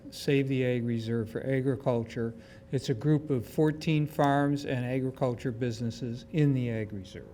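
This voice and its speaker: A man who owns a horse farm, speaking for a farm advocacy group at a county hearing in a steady, purposeful way into a podium microphone. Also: medium pitch, slight background noise. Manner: steady and purposeful, with some slips. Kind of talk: public comment at a hearing. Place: county commission chamber at a podium.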